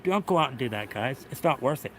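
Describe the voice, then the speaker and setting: A man's voice: medium pitch, lively intonation, fast talker, fairly bright tone, slight background noise. A middle-aged man talking earnestly to his livestream viewers, repeating himself, swearing often, and sounding close to tears. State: tearful. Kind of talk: emotional livestream talk.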